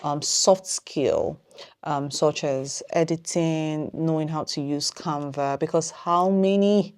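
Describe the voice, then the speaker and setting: A woman's voice: low voice, fairly even intonation, a little mellow, smooth. A woman who owns a small business, giving casual vlog advice and thinking aloud with plenty of ums. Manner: says she is talking fast.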